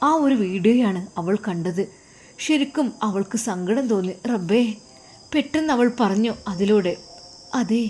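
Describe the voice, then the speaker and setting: A woman narrating an emotional story in an expressive, dramatic way. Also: medium pitch.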